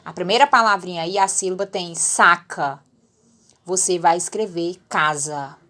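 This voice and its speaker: A woman's voice: on the low side, measured pace, bright, forceful tone. A woman with a Brazilian Portuguese accent, a primary school teacher giving a recorded lesson to children, patient and repeating herself as she checks they understood.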